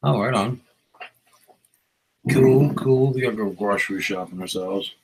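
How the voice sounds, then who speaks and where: A man's voice: on the low side, a little slow, darkish tone, husky, low-quality recording. A man hosting a casual live stream, rambling in a laid-back way and greeting viewers by name, on a small novelty mic. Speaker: livestream host. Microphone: small novelty microphone.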